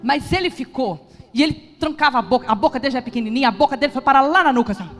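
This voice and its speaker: Woman pastor, sermon, high voice, impassioned, shouts at peaks, echoey hall, soft music. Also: rapid-fire.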